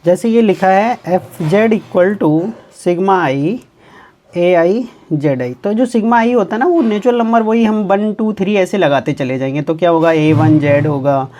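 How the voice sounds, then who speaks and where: Mellow-voiced man teaching maths. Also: sits high. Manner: asks and answers its own quick questions; reads English definitions out slowly, word by word. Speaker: mathematics teacher. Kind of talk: recorded exam-prep lecture.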